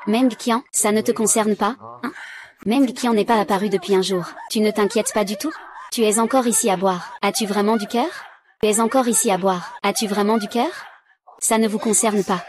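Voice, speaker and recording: A woman reading all the parts of a dubbed drama recap in one flat, even voice. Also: mid-range voice, normal speed.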